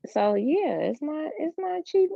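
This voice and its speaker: Woman from chicago, gravelly voice, dry muffled call audio, chill and thoughtful. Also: sits high, unhurried, no echo. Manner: relaxed, reflective, hesitant. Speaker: guest, loctician. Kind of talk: casual interview.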